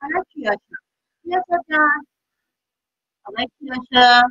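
A schoolteacher with a high, pushed, bright voice leads an online class for children, praising and encouraging each pupil by name. The audio is dull, lo-fi online call sound.

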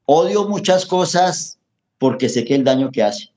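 Here a middle-aged Colombian man, a guest in an interview, offers an earnest, preachy testimony with a Colombian accent, repeatedly calling the host brother, papi, and hermano during this emotional yet casual chat. His voice is on the high side, animated, a little slow, and slightly mellow.

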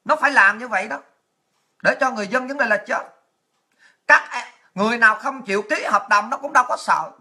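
A woman's voice: fairly high pitch, brisk, pauses often, bright, forceful tone. A woman delivering a blunt, crude, fiery political rant to her viewers, swearing freely. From Vietnam. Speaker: political commentator.

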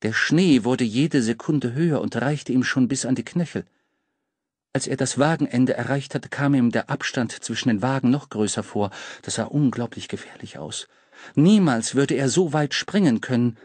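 A man narrating a children's audiobook in a lively, dramatic storytelling manner. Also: mid-range voice, normal speed, slightly rough, dry recording. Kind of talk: scripted narration.

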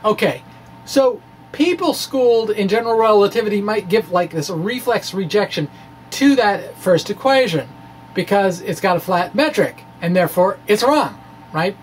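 A quirky science video blogger gives a dramatic reading of a physics blog, tossing in informal asides in a theatrical, jokey, folksy manner. His high-pitched voice has lively intonation and a moderate pace. The poor audio, with noticeable background noise, comes from a stand microphone in front of him in a small indoor room lined with bookshelves.

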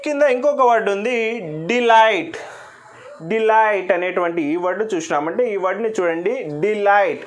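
A man from Andhra Pradesh teaching an English lesson in a patient, step-by-step way, saying each example word slowly several times. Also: high-pitched. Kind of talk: recorded classroom lesson.

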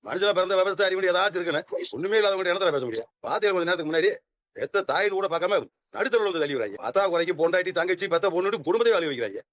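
A man's voice: high voice, lively intonation, very fast, fairly bright tone, no room sound. An actor playing an earnest family man, heated and indignant, in a TV serial. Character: earnest family man upset over in-laws. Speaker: husband and family elder. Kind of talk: TV serial acting.

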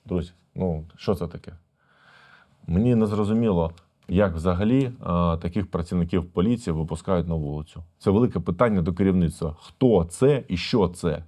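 Deep-voiced lawyer commenting. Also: male voice, fairly quick, warm tone. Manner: emphatic, with rhetorical questions to viewers. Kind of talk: video commentary.

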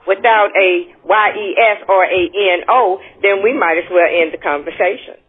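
An older woman with a husky voice in a phone conversation, firm and wary, explaining and repeating her points over a tinny line. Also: mid-range voice, moderate pace. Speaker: call recipient. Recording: tinny narrow-band telephone line.

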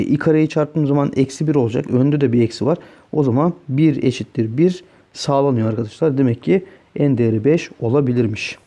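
A male math tutor with a very dark, mellow voice talks through each step of a problem. He keeps asking his students whether they are following along. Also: mid-range voice. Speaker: math teacher. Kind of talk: solving exam questions on a board.

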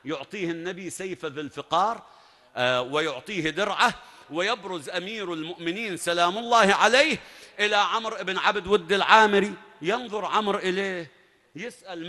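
A man's voice: high-pitched, quick pace, bright, forceful tone. A man preaching a sermon, telling a story dramatically with emphatic bursts. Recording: long reverb at a large venue.

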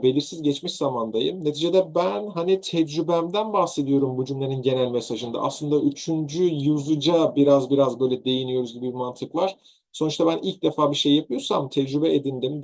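A man's voice: on the high side, gravelly, darkish tone. A man with a Turkish accent teaching English grammar in an online lesson, patiently repeating and rephrasing example sentences.

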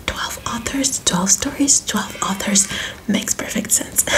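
A young woman in a whispered role-play as a friendly, helpful librarian, speaking in a soft library whisper. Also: medium pitch, slow pace. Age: young adult. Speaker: ASMR performer playing a librarian. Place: small indoor room with bookshelves.

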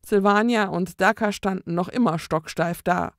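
A woman reading a children's book aloud in a calm, measured storytelling manner. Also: mid-range voice, dry recording, studio quality. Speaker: storybook reader.

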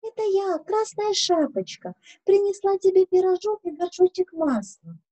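An innocent little fairy-tale girl played by a woman speaks in a high, lilting, wondering voice. Her pitch swoops in a curious sing-song. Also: very animated, normal speed, dark tone. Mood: cheerful.

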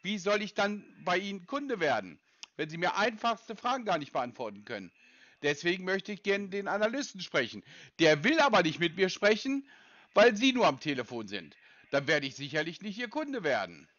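A man's voice: high voice, big pitch swings, normal speed, a bit bright, dry recording, lo-fi sound. Impatient lecturing man on a call. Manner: impatient, lecturing, interrupts often. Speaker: scam-baiting caller. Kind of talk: prank call to a scam call center.

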